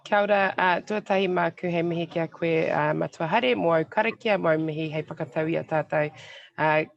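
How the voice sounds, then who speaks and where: A woman speaks on a panel with a gravelly edge to her voice. The call audio is somewhat dull and lo-fi. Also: deep voice, fairly quick. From New Zealand. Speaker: program manager, panelist. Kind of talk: panel introduction. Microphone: video call.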